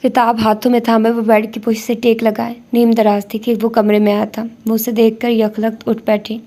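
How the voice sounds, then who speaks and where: A woman narrating a romance novel in a steady reading voice. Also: on the high side. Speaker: audiobook narrator.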